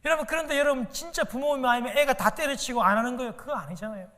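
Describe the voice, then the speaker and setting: Guy preaching a sermon, really high voice, talks right to the congregation, church echo behind. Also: rapid-fire, fairly bright tone. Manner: earnest, keeps addressing the congregation directly. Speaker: pastor. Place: church sanctuary. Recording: long church-hall reverb.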